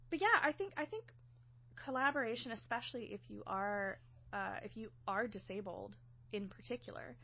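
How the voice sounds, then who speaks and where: A woman's voice: mid-range voice, highs cut off. A woman who makes audio dramas, chatting casually about collaboration, laughing often and filling with "like". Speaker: audio drama sound designer and writer. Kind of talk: casual podcast chat.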